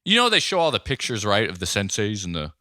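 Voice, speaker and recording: A man's voice: fairly low pitch, huge pitch swings, fast talker, sharp tone, no room sound, studio quality. A man co-hosting a casual podcast chat, rambling through an explanation and breaking into laughter. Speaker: podcast co-host.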